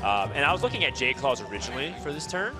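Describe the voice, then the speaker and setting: A man casting a card game match, giving energetic, quick analysis. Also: medium pitch, over music. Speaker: esports caster. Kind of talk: play-by-play commentary.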